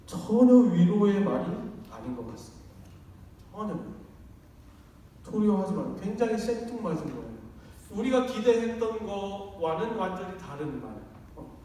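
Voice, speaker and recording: Male pastor, high voice, lively conversational sermon, far mic in a church hall. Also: moderate pace, slight background noise. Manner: conversational, acts out quoted lines. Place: church sanctuary.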